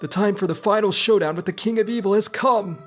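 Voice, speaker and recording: Solemn old male sage for a video game, slow and grand, pitched up high as a man puts him on. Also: faint music behind, natural voice.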